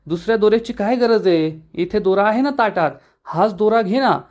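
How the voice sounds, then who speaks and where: Guy reading as a bossy angry young wife, scolding hard, voice a bit high. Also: moderate pace, close to an everyday voice. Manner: scolding, commanding. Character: angry scheming young wife, sharp-tongued woman.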